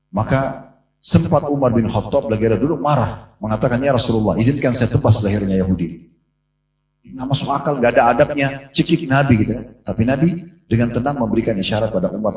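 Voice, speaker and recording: A man's voice: mid-range voice, darkish tone. A man preaching a sermon in a mosque, telling a story and acting out the voices in it. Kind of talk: sermon to a congregation. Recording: echoey room from a distance.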